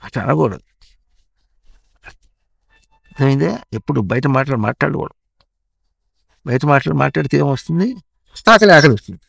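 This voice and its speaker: A man, a spiritual teacher, gently instructing a child through repeated questions. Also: medium pitch, moderate pace, creaky, pauses often, breathy edge, no room sound. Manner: animated, repetitive questioning.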